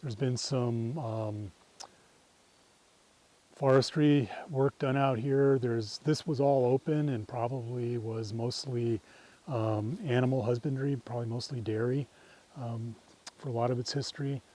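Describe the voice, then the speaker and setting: A middle-aged man's mid-range, mellow voice carries fairly even intonation at an unhurried pace as he gives an informal talk on a nature walk. Outdoors on a farm trail, he is reflective and tentative, his phrases often trailing off.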